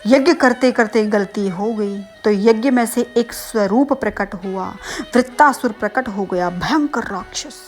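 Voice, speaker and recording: A woman's voice: mid-range voice, measured pace, faint music behind. A woman narrating a religious scripture story, stopping to explain words as she goes. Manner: explains terms as she tells the tale.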